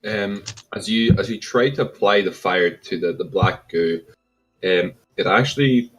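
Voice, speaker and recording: Low-voiced man running a tabletop game. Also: a little slow, rough recording. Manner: hesitant, many ums, laughs easily. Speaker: game master. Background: faint background music.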